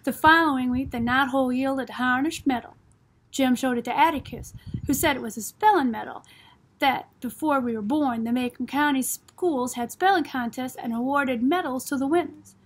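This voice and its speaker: A woman reads a novel aloud in a steady, unhurried way. Her voice is high and breathy, with a soft airiness throughout. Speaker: narrator. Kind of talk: audiobook reading of a novel.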